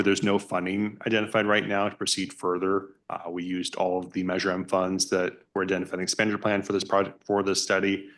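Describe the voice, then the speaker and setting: A man explains things at a public meeting in the role of project staff. His voice is deep, and his intonation stays flat and even throughout. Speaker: transportation project staff member.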